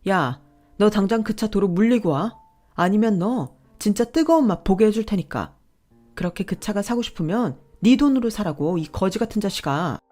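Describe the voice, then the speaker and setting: A woman voicing an angry wife who yells and hurls insults at her husband. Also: mid-range voice, big pitch swings, moderate pace, soft background music, pitched above the performer's own voice. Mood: furious. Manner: yelling, scolding, sharp insults. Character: furious wife, adult woman, fed up.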